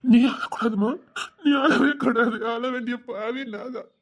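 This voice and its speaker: A man's voice: very high-pitched, normal speed, very noisy. A man playing a grief-stricken father who cries and pleads with his daughter for forgiveness in a TV serial. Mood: anguished. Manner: sobbing, pleading, breaking into tearful laughs. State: crying. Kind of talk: TV serial acting.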